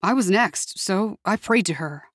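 A woman's voice: medium pitch, lively intonation, unhurried, dry recording. A tough young man who speaks bluntly and coarsely, read by a woman. There is little change from the reader's own voice, and the sound is dry and close, as in an audiobook.

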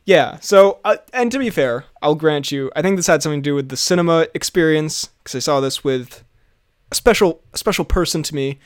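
A man's voice: fairly high pitch, lively intonation, fairly quick, clear, resonant tone, dry recording. Chatty laughing guy on a dry mic. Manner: laughs often, rambling with restarts. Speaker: podcast co-host. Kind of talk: casual chat.

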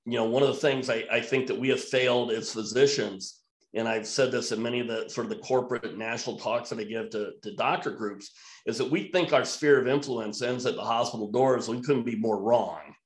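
A man's voice: medium pitch, brisk. Blunt, emphatic man in a roomy space. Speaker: emergency physician guest. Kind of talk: podcast conversation.

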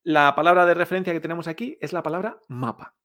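A woman teaching Chinese tones in Spanish in a podcast lesson, lively and drilling words slowly, with frequent tag questions. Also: fairly low pitch.

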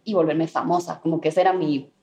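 A young Guatemalan woman, a singer-songwriter, telling stories in a casual interview, lively and sprinkling in English words. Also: low voice, fast. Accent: Guatemalan Spanish. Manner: animated, mixes in English words. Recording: roomy echo.

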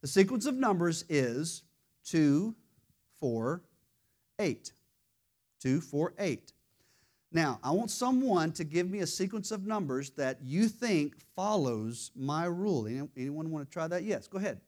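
A woman's voice: low-pitched, big pitch swings, measured pace, a little mellow. A woman teaching a church lesson in a conversational way, often restarting and repeating words, and quizzing her listeners. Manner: quizzes the audience with questions. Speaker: Bible study teacher.

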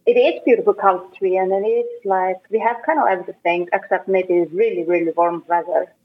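A woman from Iceland with an Icelandic accent, speaking English as a second language, answering interview questions over a video call in plain, halting phrases with pauses. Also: mid-range voice, fairly even intonation, slightly rough. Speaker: guest. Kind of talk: casual interview chat. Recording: tinny phone-like call audio.

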